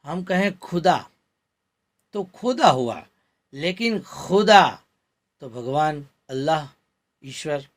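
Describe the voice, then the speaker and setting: A man's voice: on the high side, very animated. A middle-aged man teaching a Hindi grammar lesson from slides, carefully repeating each example word to show its pronunciation. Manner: slow, deliberate, repeats example words for pronunciation.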